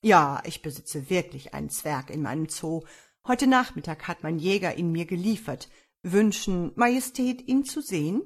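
A fawning old duke in a fairy-tale reading, fussing and flattering in a slightly husky voice, as a woman puts him on. He hushes and praises in the same breath. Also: lowish voice, moderate pace. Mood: proud. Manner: fawning, hushing, eager. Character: vain, flattering old duke, anxious to please.

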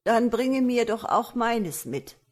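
Woman doing a tired old ferry lady from a fairy tale, plaintive and a bit husky. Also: a little high, lively intonation, slow, a little mellow, voice pushed up. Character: ancient weary old ferrywoman.

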